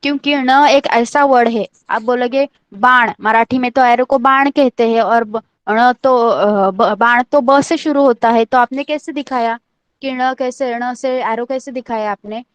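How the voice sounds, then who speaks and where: A woman's voice: fairly high pitch, steady tone, measured pace, clear, resonant tone, no room sound. A woman teaching an online language class, patiently repeating each letter and checking that everyone understands.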